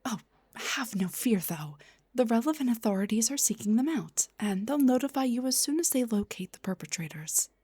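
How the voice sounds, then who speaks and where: In a soft-spoken roleplay, a woman voices a gentle, refined vampire doctor, breathy and whispery, polite and slightly hesitant. Her voice is fairly high, animated, at normal speed, on a dry recording. She sounds apologetic and reassuring.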